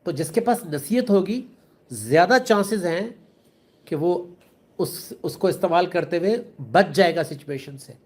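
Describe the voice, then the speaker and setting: Earnest high-voiced Pakistani man preaching. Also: expressive. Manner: earnest, explaining with everyday examples, mixing in English words. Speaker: Islamic speaker. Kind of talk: religious talk.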